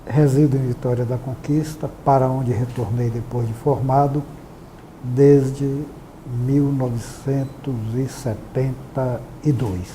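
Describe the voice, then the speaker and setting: A man, giving formal, measured testimony about past events. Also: medium pitch, steady tone, mellow, a little hiss or hum, poor audio. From Bahia, Brazil. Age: 60s.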